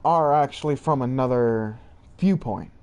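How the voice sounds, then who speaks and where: A young man rambling slowly through the backstory of his online persona, halting and searching for words, his pitch jumping up and down. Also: a little mellow, clean tone. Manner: rambling, halting, jumps between high and low pitch. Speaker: channel creator. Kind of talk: rambling lore monologue.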